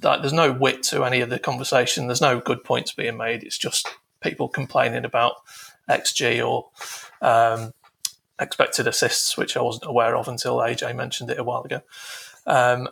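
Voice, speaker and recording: A man's voice: mid-range voice, flat delivery, moderate pace, vocal fry, a bit bright, breathy edge. A man guesting on a podcast, talking hesitantly with lots of ums and rambling asides. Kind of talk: casual chat.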